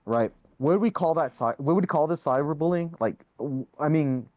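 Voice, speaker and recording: A man's voice: a little high, normal speed, darkish tone, dry recording, muffled recording. Young male debater, casual, hedges and says "right?" a lot; dry, close recording. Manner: hedging, restarts often, says "right?".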